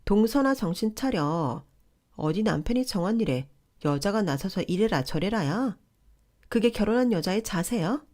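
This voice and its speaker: A woman voicing a pushy, condescending older sister-in-law who scolds in a shrill, entitled way. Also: expressive, normal speed, a little mellow, natural voice.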